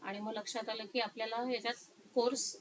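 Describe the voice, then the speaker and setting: A woman counselor talking through her career in an interview, slow and thoughtful with many pauses. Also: a little high, level tone, a little hiss or hum, low-quality recording.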